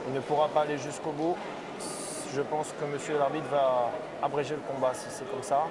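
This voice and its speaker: A man's voice: on the high side, little pitch movement, fairly quick. A man giving live kickboxing commentary as one of a pair of commentators. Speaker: fight commentator. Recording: very noisy venue with loud crowd. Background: loud crowd and noise.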